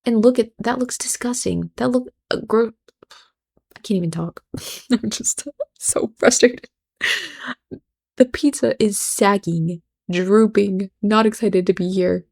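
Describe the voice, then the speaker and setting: A woman's voice: mid-range voice, a little slow, gravelly, darkish tone. A woman hosting a reaction video, giving blunt, sarcastic commentary. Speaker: host.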